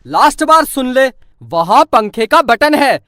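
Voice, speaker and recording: A woman's voice: high voice, very animated, measured pace, noisy background, voice pushed down. A woman voicing a short-tempered, frazzled cartoon father who snaps orders and complains about his life. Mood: grumpy. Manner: snapping, scolding, self-pitying complaints. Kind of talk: comic cartoon voice acting.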